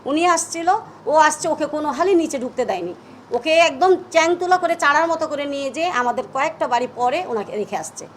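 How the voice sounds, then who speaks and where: Fast, high-voiced Bangladeshi woman. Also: animated, slight background noise. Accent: Bangladeshi Bengali. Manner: emphatic, agitated retelling. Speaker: press conference speaker. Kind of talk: reading a statement, then answering questions.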